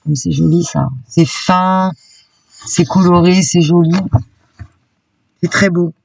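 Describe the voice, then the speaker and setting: A woman's voice: on the low side, steady tone, slow pace, vocal fry, a little mellow, no echo, far from the mic. Woman, casual haul vlog, enthusiastic chatter, dry room sound. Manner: chatty and enthusiastic, peppered with "hein". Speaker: craft YouTuber.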